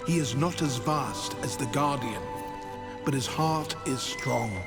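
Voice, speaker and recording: Man as a slow, grave old sage. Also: medium pitch, close to an everyday voice. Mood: grave, weary. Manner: solemn, deliberate. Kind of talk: dramatic fantasy game dialogue. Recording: long reverb, music behind.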